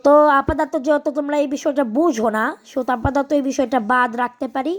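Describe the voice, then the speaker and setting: A woman teaching a video lesson, explaining carefully with frequent hesitations and reading English lines slowly. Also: high voice, steady tone.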